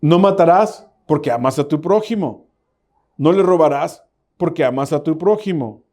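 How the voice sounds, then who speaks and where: Mellow-voiced man teaching a Bible study. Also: on the high side, expressive. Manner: teaching, asks the audience to repeat words; reads scripture slowly and deliberately. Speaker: teacher of a messianic congregation.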